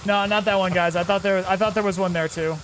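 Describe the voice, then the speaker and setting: Man, high voice, rambling gameplay chat, loud game noise behind. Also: steady tone, low-quality recording. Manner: rambling, halting with fillers. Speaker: streamer playing a tactical shooter. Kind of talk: casual gameplay chat and callouts.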